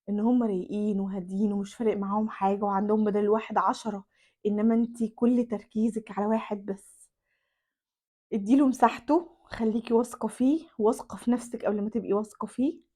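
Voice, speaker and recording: A woman with an Egyptian accent giving earnest relationship advice in a soft-spoken, casual way. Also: medium pitch.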